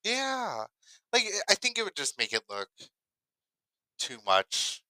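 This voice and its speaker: Lively laid-back man chatting on a podcast. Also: high-pitched, slow, no echo, rough recording. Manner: relaxed, laughs often, lively intonation. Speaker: podcast co-host. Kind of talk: casual chat. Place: home podcast studio.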